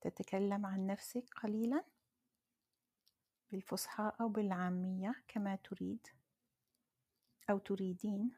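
A woman's voice: medium pitch, fairly even intonation, moderate pace, long pauses, warm tone, husky, no echo, studio quality. A woman hosting a live Arabic lesson in an audio chat app, patiently prompting and correcting a learner. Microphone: phone in an audio chat app.

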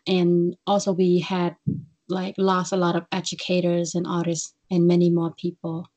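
A young woman from Cambodia, speaking English. She is a guest on a podcast interview and talks softly, in a halting way with pauses. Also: fairly low pitch, completely flat delivery, husky, low-quality recording. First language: Khmer. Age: young adult.

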